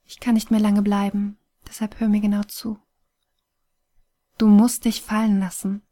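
A woman voicing a weary, wise phoenix spirit that is fading away, speaking calmly and softly in an audiobook reading. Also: mid-range voice, moderate pace, lightly acted. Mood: gentle, sorrowful.

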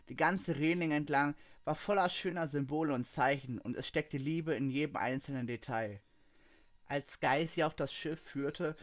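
A man reading a story aloud in a steady storytelling manner. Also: on the high side, muffled recording. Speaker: story reader. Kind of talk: narrating a story.

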